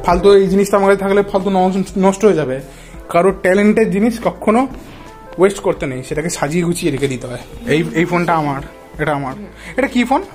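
A man's voice: high voice, fast, a little mellow. Chatty man vlogging over music. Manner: chatty, addresses viewers as guys, mixes in English words. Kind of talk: casual vlog narration to viewers. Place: family home and shop, indoors.

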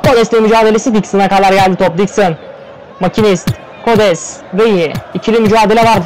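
A man calling an online football game play by play, firing off player names and bursting out in excitement at the goals. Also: high-pitched, a little fast, soft background music, some chatter behind, low-quality recording. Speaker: play-by-play commentator. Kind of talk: live esports play-by-play commentary.

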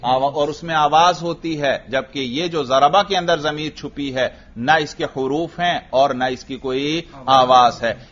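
A teacher with a Pakistani Urdu accent lectures his class on grammar in a fairly high, slightly bright voice. He patiently explains each point, posing questions to the students and answering them himself, though the lo-fi recording sounds muffled.

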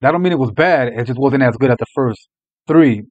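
A man's voice: mid-range voice, fairly quick, a little mellow, breathy edge, no echo, lo-fi sound. Young male reaction host, opinionated and profane, casual delivery, very little room sound. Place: small room indoors.

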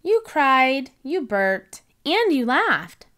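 Kind storybook mother pig, read by a woman, gentle and lively in tone. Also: sits high, very slow, pitched above the performer's own voice, full character voice. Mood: fond. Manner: gentle, explaining.

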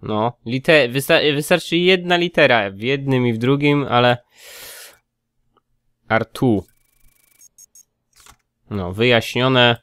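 A man's voice: mid-range voice, slow, long pauses, a bit bright, smooth, no echo, clean studio sound. A man casually commenting on his gameplay, thinking aloud and muttering as he checks details. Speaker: let's play gamer.

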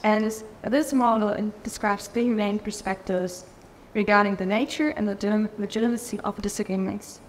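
A woman's voice: medium pitch, steady tone, moderate pace, a little hiss or hum. A woman from Germany presenting a research framework at a lectern in a large conference hall, careful and often restarting her phrases. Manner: careful, with frequent restarts and fillers. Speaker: keynote speaker. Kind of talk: conference keynote lecture. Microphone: lectern microphone. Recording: reverberant hall, faint ambience.

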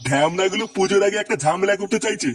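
A man's voice: high voice, racing, slight background noise, close to an everyday voice. A man doing a brash, boastful cartoon pal. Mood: mocking. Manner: boastful and mocking. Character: brash, swaggering neighborhood friend.

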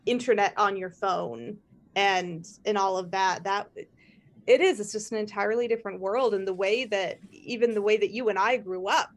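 A woman's voice: mid-range voice, fairly even intonation, moderate pace. A woman hosting a podcast, chatting casually, rambling with frequent laughs and restarts. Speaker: podcast host. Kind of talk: casual chat.

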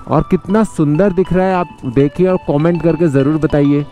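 A man's voice: on the high side, moderate pace, warm tone, faint music behind. A man in his thirties, a travel vlogger talking casually to his viewers as friends while riding a motorbike on an outdoor mountain road, recorded on an action camera. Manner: chatty, addresses viewers directly as friends. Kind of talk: casual travel vlog narration. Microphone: action camera on the bike and held at arm's length.

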